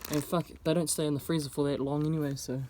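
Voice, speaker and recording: A woman's voice: deep voice, flat delivery, fast, background noise. Young New woman. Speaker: vlogger. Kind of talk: casual vlog talk to camera. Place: indoors, speaking to camera.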